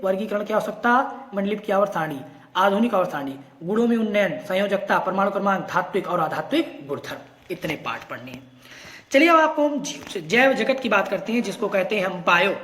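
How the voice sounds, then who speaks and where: A woman's voice: medium pitch, a bit bright. A woman teaching a lesson, walking through a syllabus item by item, asking students questions and answering them herself. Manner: reads topic lists one by one. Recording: echoey room.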